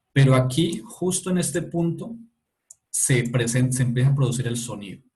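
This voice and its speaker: A male university lecturer giving an online class, explaining step by step, often checking in with his students and pausing to correct himself. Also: medium pitch. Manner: halting, with frequent self-corrections and fillers.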